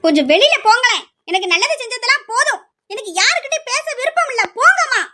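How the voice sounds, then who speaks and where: Woman voicing an enraged young woman, sharp, shrill, threatening, home-made family drama. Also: quick pace. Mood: angry. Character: furious young woman refusing her arranged marriage.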